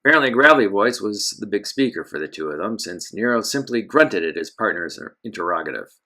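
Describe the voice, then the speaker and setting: A man's voice: on the low side, lively intonation, fairly quick, bright, forceful tone. Wisecracking man narrating a pulp adventure. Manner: wisecracking, self-mocking, hard-boiled asides.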